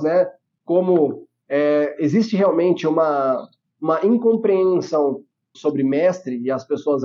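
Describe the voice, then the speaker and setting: High-pitched guy explaining stuff teacher-like, lots of rhetorical questions, kinda dull lo-fi audio. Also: mellow. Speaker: podcast co-host. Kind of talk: explanatory casual talk.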